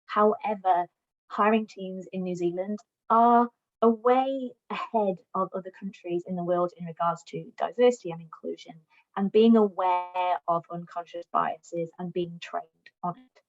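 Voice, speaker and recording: A woman with a lowish voice speaks a little slowly, giving migrants an encouraging job search presentation in a friendly, advisory manner. She's a customer success manager at a recruitment platform whose first language is English and who also speaks Welsh, and the recording is dull and lo-fi.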